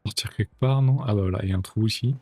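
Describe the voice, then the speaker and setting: A man's voice: on the low side, very fast, dark tone. A man streaming a video game, chatting casually and thinking aloud to himself as he plays. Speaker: gaming streamer. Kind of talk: casual let's-play commentary.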